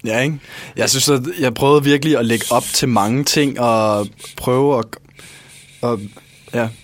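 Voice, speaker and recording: A man's voice: medium pitch, fairly even intonation. A man, a radio host in comic studio banter who talks defensively and repeats himself. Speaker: radio show host and reporter.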